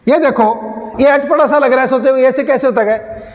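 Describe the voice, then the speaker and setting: Man, grammar teacher, very high voice, reverberant classroom, quizzes students. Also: a little hiss or hum. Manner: quizzes students with repeated questions; spells words out slowly. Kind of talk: classroom lecture at a board.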